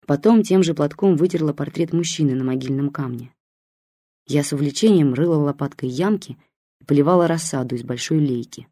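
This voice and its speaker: Calm female audiobook narrator, mellow dark tone, dry studio sound. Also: low-pitched, brisk, no echo. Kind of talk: first-person story narration.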